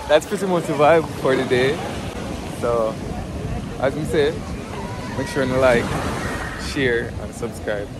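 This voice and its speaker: Touring a river and seaside park, a young adult Jamaican man with a Jamaican accent vlogs on a phone held at arm's length, talking cheerfully and occasionally singing. His lowish voice comes through outdoor phone audio, with loud music and a noisy background.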